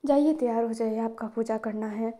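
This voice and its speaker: A defiant young woman, cold and cutting, spits scorn at the people around her, as a woman reading a fan fiction story puts her on. The voice sits a little high but sounds mellow and soft-edged. Her words come slow and clipped. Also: steady tone, close to an everyday voice. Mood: curt anger. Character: defiant furious young woman, a bitter stepdaughter.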